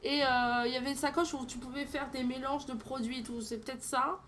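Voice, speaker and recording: A woman's voice: sits high, fairly even intonation, fairly quick, fairly bright tone, a little hiss or hum. A woman streaming a video game, talking casually with many fillers and a playful tone. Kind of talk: casual gameplay commentary.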